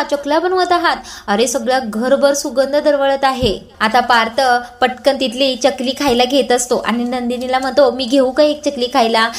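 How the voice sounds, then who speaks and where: A woman with a Marathi accent retelling a TV serial episode, reading every character's lines in her own voice, with small hesitations. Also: high-pitched. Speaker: serial recap narrator.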